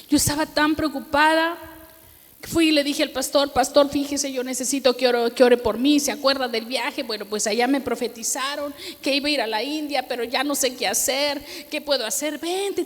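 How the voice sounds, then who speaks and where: A woman's voice: sits high, big-room sound. A middle-aged woman pastor with a Mexican accent, preaching a sermon and acting out the dialogue of her own story. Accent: Mexican Spanish. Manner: storytelling, acts out dialogue, asks audience for amen.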